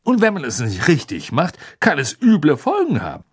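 Ein Mann spricht einen begeisterten, väterlichen Zauberer. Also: male voice, on the high side, wildly swooping pitch, normal speed, breathy edge, voice pushed up, exaggerated voice. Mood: eager explaining. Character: cheerful fatherly wizard, middle-aged man.

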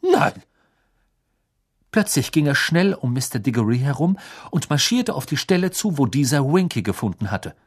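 Man reading a story aloud, husky. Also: medium pitch, fairly quick. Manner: lively storytelling. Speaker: audiobook reader. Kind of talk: scripted narration.

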